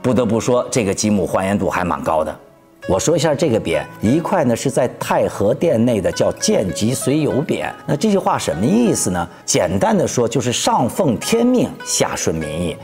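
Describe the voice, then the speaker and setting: A man's voice: on the low side, big pitch swings, moderate pace, darkish tone. A man presenting in a conversational, explanatory storytelling style, posing questions as he explains. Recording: music under the voice. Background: background music.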